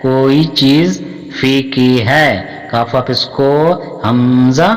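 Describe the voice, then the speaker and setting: A man with a Pakistani accent teaches Urdu reading, sounding out each word letter by letter at a very slow pace. He stretches the syllables and repeats each word. His voice sits at a middling pitch and carries a long reverb, as if in a hall. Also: steady tone, soft background music. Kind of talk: spelling out words letter by letter.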